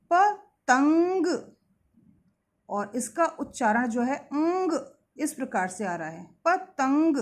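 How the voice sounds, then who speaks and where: A woman teaches a children's Hindi lesson in a high, bright voice. She stretches out each syllable and repeats every point for her pupils. The recording carries a roomy echo. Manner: slow, drawn-out sounding of syllables and words; repeats key points, asks questions to the class.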